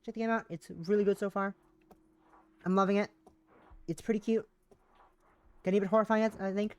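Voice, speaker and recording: A woman live streams a game, chatting casually and reading visual novel text aloud, sometimes stumbling and rereading words. Her mid-range voice is flat and a little fast, and the audio sounds dull.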